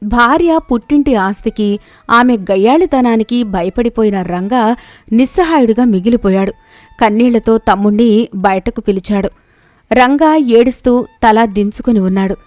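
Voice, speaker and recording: A woman narrating a moral tale for an animated storybook in an even, expressive manner. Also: on the high side, normal speed, no echo.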